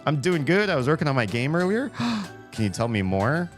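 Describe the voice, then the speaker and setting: This streamer from the American South speaks a little high and a little fast, full of energy as he games. His chat wanders and interrupts itself, dry humor running through it, over background music.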